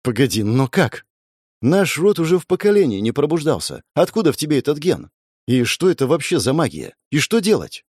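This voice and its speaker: A man's voice: on the high side, sing-song, a little fast, darkish tone, slightly rough, no echo, studio quality, pitched above the performer's own voice. A man voicing an anxious, timid young woman who talks in a flustered, pleading way.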